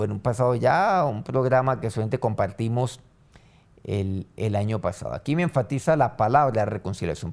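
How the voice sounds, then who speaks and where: A man pastor preaching a sermon and leading a prayer, his voice swinging from loud rising lines to soft low ones. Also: creaky. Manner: preaching with sudden rises and soft drops.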